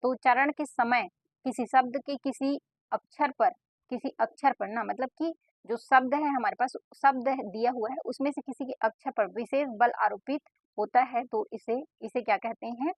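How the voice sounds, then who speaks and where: A woman's voice: a little high, normal speed, no room sound. A woman teaching an exam-prep lesson in a casual spoken style, explaining step by step and answering her own questions. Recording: dry, dull lo-fi voice-over.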